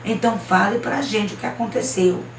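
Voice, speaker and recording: A woman voicing an older mother who speaks calmly and firmly. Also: medium pitch, moderate pace, slight background noise, lightly acted. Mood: gentle. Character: older mother, gentle but firm. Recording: roomy, distant mic, faint ambience.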